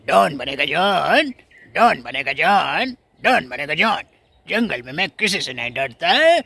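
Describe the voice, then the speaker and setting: A man's voice: on the high side, very animated, unhurried, gravelly, bright, forceful tone, dry recording, voice pushed down, heavily acted. A man voicing a boastful male cartoon gangster who swaggers and repeats a catchphrase. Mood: swaggering.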